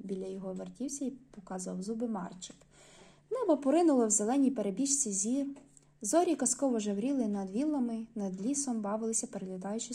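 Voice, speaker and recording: A woman with a husky, mellow voice reads literary prose aloud. She reads at an unhurried pace and lifts her emphasis when characters speak. Her voice sits fairly high for a woman. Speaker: audiobook reader.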